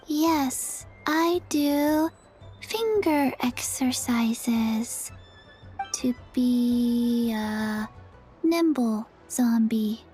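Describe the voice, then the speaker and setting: A woman voicing a small, deadpan, forgetful zombie girl in a video game, speaking in halting, broken phrases. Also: fairly high pitch, faint music behind. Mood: slow, flat.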